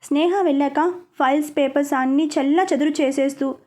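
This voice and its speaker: High-voiced woman storyteller. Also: fairly even intonation, a little fast, mellow. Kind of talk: scripted story narration.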